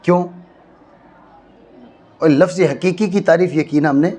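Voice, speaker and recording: A man from Pakistan gives a classroom lecture in a fairly high voice. He often stops to ask whether his students are following. He slowly repeats key phrases to drive a point home. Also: fairly even intonation, a little mellow. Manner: checks understanding, repeats phrases slowly for stress. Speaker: teacher of Arabic grammar. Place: madrasa classroom.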